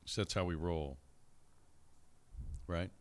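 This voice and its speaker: A man co-hosts a podcast and drops dry, wisecracking asides. His voice sits very low. The recording is close and dry. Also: slow pace, a little mellow, no echo. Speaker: co-host. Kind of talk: casual podcast chat.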